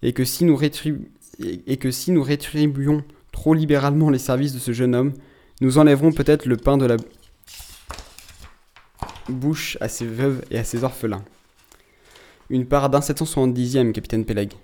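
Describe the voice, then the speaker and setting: A man's voice: medium pitch, steady tone, moderate pace, pauses often, warm tone, lightly acted. A man voicing a pious, stingy old shipowner with a sepulchral voice, grave and imperturbable. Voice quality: sepulchral, hollow.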